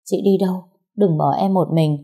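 Lady doing a weepy pregnant young woman, begging her sister, low husky tone, storybook. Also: steady tone, moderate pace, mellow. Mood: tearful pleading. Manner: sobbing, pleading. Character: tearful pregnant young woman, abandoned and pleading.

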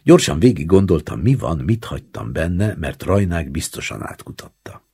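A man reads a literary story aloud in measured first-person narration. His voice is extremely deep and husky, with heavy gravel in it. His pitch moves in a lively way across phrases. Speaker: audiobook narrator.

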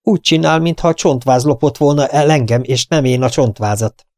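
A man's voice: medium pitch, a little mellow, dry recording, clean studio sound, natural voice. A man voicing an impudent, mocking little red-haired male valet in an audiobook. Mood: cheeky.

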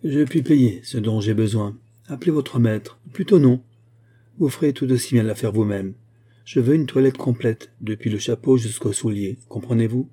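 A man voicing a bitter, ragged vagabond who speaks curtly and defiantly in a dark, husky voice. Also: mid-range voice, normal speed, lightly acted. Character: bitter, ragged male vagabond, hard and resolute.

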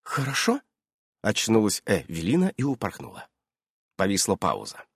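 Husky, highly expressive male narrator. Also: normal speed, dry recording, studio quality. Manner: lively, expressive reading. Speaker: audiobook narrator. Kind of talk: scripted storybook narration.

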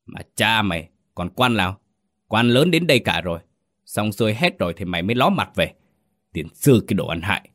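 A furious old landlord in a storybook tale, barking and sputtering at his servant. A man puts him on with a low voice that runs quick and rises sharply as he scolds. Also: sing-song, a bit bright, dry recording, clean studio sound. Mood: scolding. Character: angry old male village landlord.

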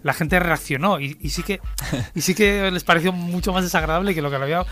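A man's voice: high-pitched, fast, pushed and bright, soft background music. A man with an accent from Spain chatting casually about films as a podcast panellist. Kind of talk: casual film discussion.

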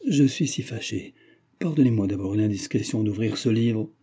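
A man's voice: fairly low pitch, normal speed, dark tone, slightly rough. A man reading aloud and voicing a flustered, pleading young woman in a raised voice.

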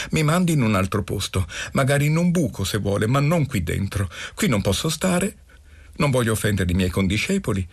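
A man's voice: mid-range voice, husky, voice pushed up. A man reading aloud, voicing a dramatic young male student who pleads and begs effusively. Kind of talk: literary radio reading.

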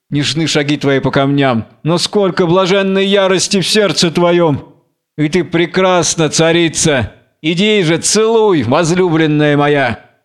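A man's voice: a little high, clean tone, natural voice. Samson, a man doing a raging blind prophet. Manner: wild, exalted, taunting declamation. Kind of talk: theatrical audiobook reading.

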